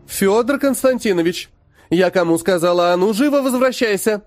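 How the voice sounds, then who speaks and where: High firm noble mother in a storybook, as a man puts her on, stern and anxious. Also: expressive, moderate pace, dry recording, faint music behind. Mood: scolding. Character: stern protective noble mother, tall, stately.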